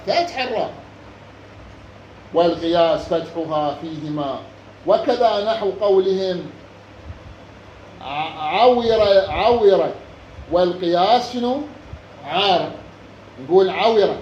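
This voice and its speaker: Iraqi guy teaching a class, reads a line slow then quizzes his students, fairly high voice, echoey room with a little hiss. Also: lively intonation, darkish tone, highs cut off. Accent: Iraqi Arabic. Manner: reads a passage slowly, then explains it with quizzing questions. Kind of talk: classroom lesson explaining a grammar text. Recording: echoey room with faint background noise.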